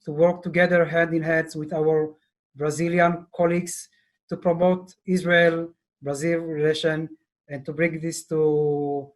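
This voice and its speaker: Slow, halting man on a video call. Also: on the high side, darkish tone. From Ethiopia. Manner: slow, halting, many fillers. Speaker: diplomat guest. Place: office indoors. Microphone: earphone mic on video call.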